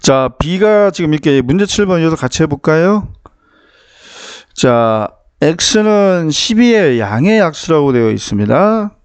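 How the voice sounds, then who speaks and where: A man's voice: a little high, big pitch swings, a little slow, clear, resonant tone. A man teaching a math lesson, explaining step by step and often checking that his students follow. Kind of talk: classroom math lecture.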